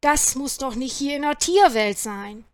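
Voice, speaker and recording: Storybook farmer, grumpy and scolding, read by a woman, raised and loud, dry close sound. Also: high-pitched, lively intonation, unhurried, no room sound. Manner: scolding, grumbling.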